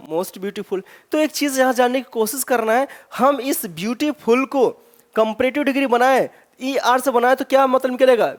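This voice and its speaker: Man teaching grammar, stressing each example. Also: extremely high pitch. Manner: rhetorical questions, slow stressed example words. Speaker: English teacher. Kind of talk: exam-prep grammar lesson.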